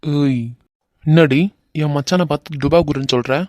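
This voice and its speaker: A man's voice: fairly high pitch, steady tone, moderate pace, a little mellow, no room sound, natural voice. A man voicing an earnest young husband. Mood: playful banter. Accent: Kanyakumari Tamil. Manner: earnest, bantering. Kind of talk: animated romance voice acting.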